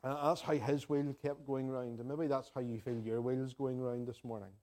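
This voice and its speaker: With a medium-pitched, darkish voice, a level tone and normal speed, an Ulster-accented man from Northern Ireland preaches to a congregation. His manner is earnest and conversational, with phrases repeated for emphasis, homely anecdotes and prayer.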